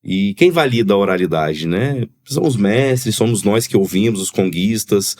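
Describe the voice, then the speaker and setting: A man's voice: lowish voice, lively intonation, darkish tone. Capixaba guy, podcast guest, thoughtful, keeps restarting his sentences. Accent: Capixaba Brazilian Portuguese. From Espírito Santo, Brazil. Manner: reflective, halting with repeated restarts. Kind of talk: casual conversation.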